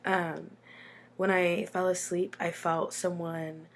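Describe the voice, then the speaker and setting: A woman's voice: lowish voice, flat delivery, takes it slowly, slight background noise. An American woman with a runny nose from being sick, telling a personal story in a casual, chatty, informal way with dramatic asides. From Texas, United States.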